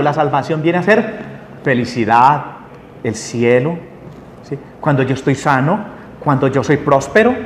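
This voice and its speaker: Man teaching a spiritual lesson in an echoey hall. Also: fairly high pitch. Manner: asks the audience questions, animated. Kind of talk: lecture to a group. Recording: echoey room with long reverb, faint noise.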